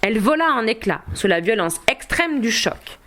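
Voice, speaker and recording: Une femme qui lit à voix haute un récit de chevalerie, d'une voix assez aiguë. Sa lecture est posée, expressive et bien rythmée. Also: female voice, fairly high pitch. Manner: measured, expressive storytelling. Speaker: narrator. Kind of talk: audiobook narration of a medieval tale.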